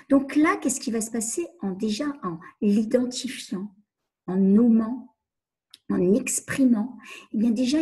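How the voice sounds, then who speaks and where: Husky, dark-voiced woman coaching. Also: mid-range voice. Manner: earnest, repeats phrases, acts out inner questions. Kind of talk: webinar talk on emotions. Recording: online webinar.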